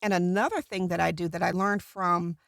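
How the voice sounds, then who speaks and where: A middle-aged woman with natural vocal fry, a voiceover artist casually explaining a routine to camera from a small recording booth. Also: on the low side, steady tone, fairly quick, fairly bright tone, no echo, clean studio sound.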